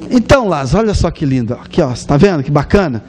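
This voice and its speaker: A man's voice: on the high side, big pitch swings, quick pace, a little mellow. A man with a Brazilian Portuguese accent playing God, who cheerfully shows a man around heaven in a sermon story. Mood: coaxing. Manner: cheerful, coaxing.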